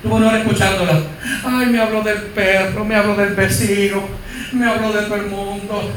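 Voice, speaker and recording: High-voiced, bright preaching pastor. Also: male voice, level tone, normal speed, echoey room, a little hiss or hum, low-quality recording. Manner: fervent, rises to shouting, mimics congregants. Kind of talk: sermon. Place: church.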